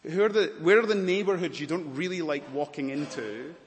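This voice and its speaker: Man, pastor preaching a sermon, dramatic pauses and swells, long hall reverb. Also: a little high. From Malawi.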